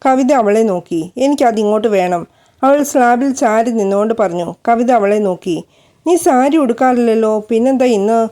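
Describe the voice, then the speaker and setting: Woman narrating a romance story, mellow voice. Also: a little high, a little fast. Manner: reads every character's lines in her own voice.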